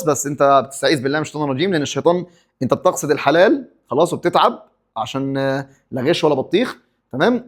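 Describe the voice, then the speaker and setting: A man with an Egyptian Arabic accent teaching an English exam review, asking and answering his own questions and stopping for pep talks. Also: a little high.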